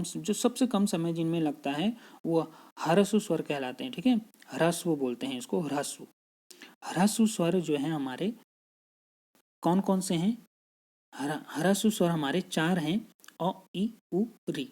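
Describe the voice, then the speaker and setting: Man, teacher, mellow voice, patient, repetitive explaining, grammar lesson. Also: a little high. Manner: patient, repeats points, frequent "theek hai" check-ins.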